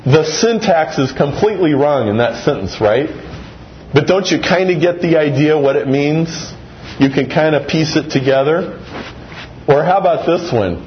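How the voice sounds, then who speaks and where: A man in his thirties giving a classroom lecture, animated and acting out example sentences with varied inflection. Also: a little high, normal speed. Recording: dull, slightly muffled recording with faint room noise.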